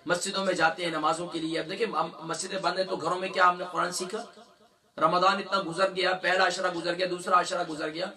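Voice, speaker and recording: Bright, high-voiced male Quran teacher. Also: level tone, distant mic. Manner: demonstrates sounds slowly, repeating letters with drawn-out recitation. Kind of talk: religious lesson with recitation drills.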